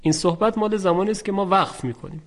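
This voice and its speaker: A middle-aged man gives a Quran recitation lesson in a slightly raised pitch. He explains each rule step by step and sings out the example words long and slow. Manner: explains rules slowly, chanting example words drawn out. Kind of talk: tajweed lesson.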